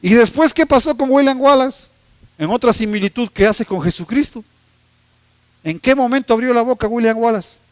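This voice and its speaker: High-voiced pastor preaching. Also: male voice, moderate pace, no echo. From Ecuador. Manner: humorous, storytelling preacher who teases the congregation. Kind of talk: sermon.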